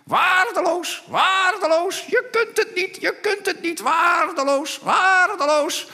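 A shrill, screeching parrot hurling insults. It calls from across the room, and a long hall reverb trails after each squawk. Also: male voice, slow, sharp tone, heavily acted. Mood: jeering. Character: shrieking nagging parrot in a joke.

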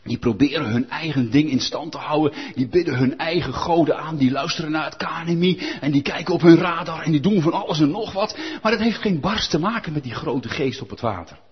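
A man preaching a sermon, animated and firing rhetorical questions at the congregation. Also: a little high, fairly quick, few pauses, husky, dull audio.

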